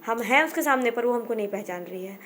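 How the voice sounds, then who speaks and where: A woman telling her family's story as a mother, in a halting way, circling back and repeating herself. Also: a little high, expressive, fairly bright tone, a little hiss or hum. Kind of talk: personal storytelling.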